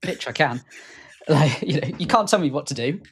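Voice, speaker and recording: Relaxed British man, joking coach. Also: fairly high pitch, moderate pace, over music. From United Kingdom. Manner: laid-back, joking. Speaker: fitness coach. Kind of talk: casual chat.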